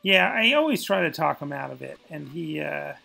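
A man's voice: a little high, big pitch swings, normal speed, gravelly, bright, forceful tone, faint music behind. A man giving casual gameplay commentary as a streamer, full of wry, self-mocking asides. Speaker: game streamer.

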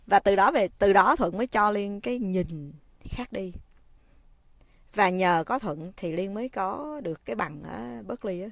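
Expressive woman host. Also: medium pitch, no echo. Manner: expressive, addresses viewers often, gentle when advising. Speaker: livestream host. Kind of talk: casual livestream talk to viewers.

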